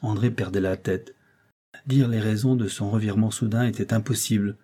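A man narrating a classic novel in a measured storytelling manner. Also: fairly low pitch, steady tone, warm tone. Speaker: audiobook narrator. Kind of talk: scripted narration.

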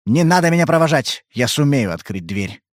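A man reading an audiobook, voicing a gruff, irritable male detective who talks in a curt, blunt way. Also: medium pitch, big pitch swings, normal speed, no echo, clean studio sound, close to an everyday voice.

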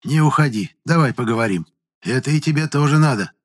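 Man doing a sharp old fortune-teller woman, raised voice, probing, commanding, storybook crone. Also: medium pitch, fairly quick, voice pushed up, natural voice. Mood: insistent.

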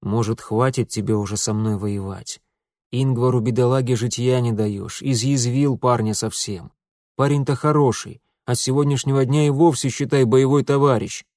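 A man voicing a gruff, hot-tempered middle-aged father who is a police chief, grumbling and barking. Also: mid-range voice, steady tone, normal speed, a little mellow, no echo, clean studio sound, lightly acted. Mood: scolding.

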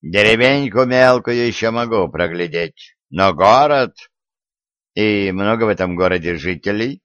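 A man doing a proud commanding tsar, archaic speech, low voice, slow and animated, dry dull audiobook sound. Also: no echo. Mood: stern. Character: proud, blustering old-fashioned tsar.

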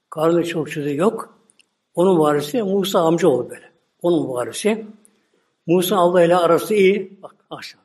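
A man's voice: a little high, a little mellow. A man preaching, retelling a religious story animatedly with many repeated filler words. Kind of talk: sermon storytelling.

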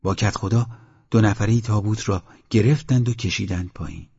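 A man narrates an audiobook in a steady, measured storytelling voice. His voice sits low and has a husky edge. The recording is dull and lo-fi. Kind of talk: scripted narration.

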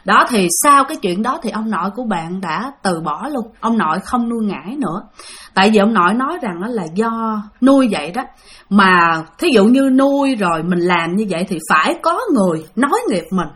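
Telling her spooky tale a little fast, this Southern Vietnamese-accented woman has a mid-range, animated, slightly bright voice. Her narration stays chatty, frequently addressing listeners directly.

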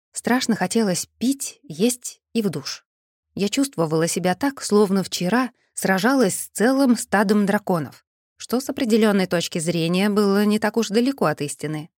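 A woman narrating a first-person fantasy audiobook in a measured, expressive manner. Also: mid-range voice, dry recording, clean studio sound.

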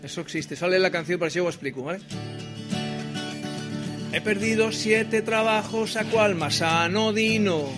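Performing live with acoustic guitar behind him, a middle-aged man from Spain, a singer-songwriter and comedian, fills the gaps between songs with comic banter. He speaks in a high voice at a moderate pace, pausing often, and rambles self-deprecatingly while tossing tag questions to his listeners.

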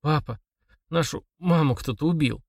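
Brief: man playing a distraught young son, shrill, choked and accusing, raised pitch, dry audiobook read. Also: normal speed, gravelly, darkish tone, husky, no echo.

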